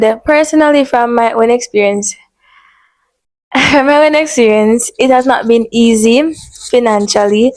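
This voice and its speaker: A woman's voice: fairly high pitch, darkish tone, dry recording. A woman from Jamaica, hosting a casual chat about student life and laughing often. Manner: laughs often, chatty and upbeat. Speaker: vlog host, medical student.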